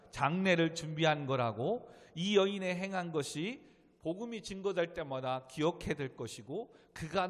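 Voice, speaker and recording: A middle-aged man preaching from the pulpit with a notably high voice. He presses his points hard and often climbs to loud, urgent exhortation. His words ring out with a long reverb through a church sanctuary. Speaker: pastor. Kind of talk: sermon.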